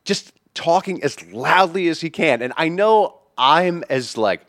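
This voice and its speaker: A man co-hosting a podcast, telling a story loudly with lots of swearing and shouted bits; he says he is deaf. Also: a little high, animated, a little slow, no echo, clean studio sound. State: hard of hearing. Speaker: podcast co-host. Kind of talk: casual chat.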